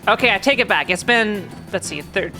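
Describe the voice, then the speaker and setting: A woman's voice: mid-range voice, animated, fairly quick, sharp tone, soft background music. A woman streamer chatting casually with her viewers while playing a game, rambling and answering chat.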